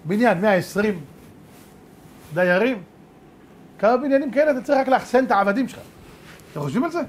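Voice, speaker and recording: A man, a rabbi, giving a religious lesson full of stories, animated and rhetorical, repeating points for emphasis. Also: high-pitched, slight background noise.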